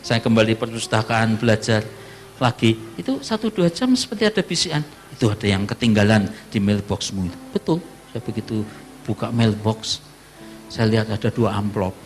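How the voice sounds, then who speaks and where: A pastor from Java preaching a sermon and telling a personal testimony, his voice jumping high when he quotes people, with frequent laughter. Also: moderate pace, faint music behind. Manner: storytelling, animated voice jumps high for quoted speech, laughs often.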